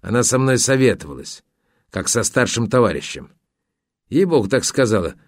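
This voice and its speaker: A man's voice: medium pitch, sing-song, moderate pace, no room sound, clean studio sound. A male audiobook reader voicing a cynical, scheming middle-aged photographer who talks in a sneering, mocking, defensive way. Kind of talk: audiobook character voice.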